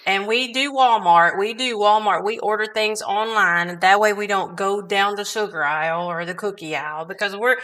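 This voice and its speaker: Bright-voiced woman in her sixties hosting. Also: mid-range voice, moderate pace, few pauses. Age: 60s. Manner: rambling, restarts sentences, chuckles often. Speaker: show host. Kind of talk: casual talk show chat.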